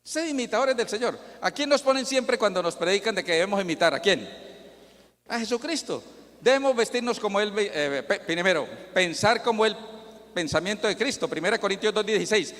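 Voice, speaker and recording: A man with a fairly high voice preaches a sermon in a church, firing rhetorical questions at the congregation and answering them himself. He cites chapter and verse throughout. His voice carries a long reverb from the big hall. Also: animated, a little fast, fairly bright tone.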